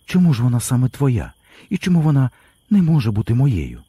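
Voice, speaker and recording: A man's voice: medium pitch, wildly swooping pitch, a little fast, dark tone, husky, dry recording, voice pushed up. A man voicing an anguished old peasant mother who pleads with her sons in an audiobook reading. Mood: anguished pleading. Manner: pleading, tearful.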